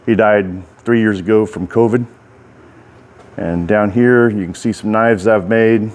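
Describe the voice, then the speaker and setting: With a lowish, darkish voice that stays steady and a little slow, a middle-aged American man leads a rambling walk-through of his workshop. He's a writer and bladesmith, speaking in a folksy, informal way out of the side of his mouth.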